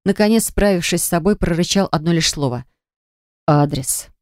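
A woman's voice: lowish voice, fast talker, no room sound, studio quality. A woman reading a novel aloud as an audiobook narrator, telling it evenly and dramatically.

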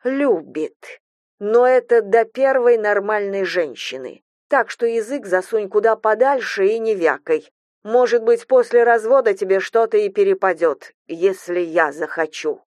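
A woman voicing a cruel older mother-in-law who speaks slowly, coldly and with contempt, in a hissing, venomous manner. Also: medium pitch, darkish tone, dry recording, clean studio sound, close to an everyday voice. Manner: slow, cold, hissing and contemptuous.

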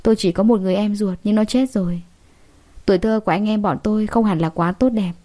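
A woman's voice: medium pitch, quick pace, natural voice. A woman reading the lines of a stern, determined young husband from a wealthy family in an audiobook. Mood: firm. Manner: firm, quietly determined.

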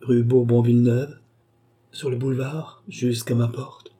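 A man's voice: mid-range voice, little pitch movement, unhurried, dark tone, breathy edge, voice pushed up. A man voicing a frightened young working girl in a storybook reading, pleading in a lifted voice. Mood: remembering. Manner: pleading, breathless.

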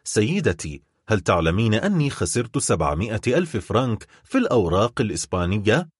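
A man's voice: lowish voice, big pitch swings, fast, husky, no room sound, clean studio sound. A man voicing a wealthy middle-aged baron who is cold, stern and accusing toward his wife in a storybook reading.

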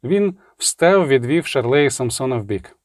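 A man's voice: mid-range voice, animated, a little slow, dry recording, clean studio sound. A man narrating a fantasy novel as an audiobook, telling it dramatically and shifting his voice for the characters.

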